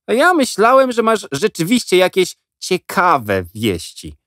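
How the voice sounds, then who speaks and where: A man's voice: high-pitched, wildly swooping pitch, measured pace, a bit bright, dry recording, clean studio sound, voice pushed up, heavily acted. A man voicing a dismissive schoolboy who scoffs at his friend's news. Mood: scoffing.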